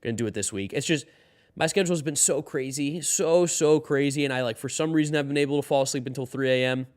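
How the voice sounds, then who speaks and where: A man with a mid-range voice talks fast while hosting his daily baseball stream. He sounds tired, speaks loosely and ramblingly, and reads chat questions out loud before answering them.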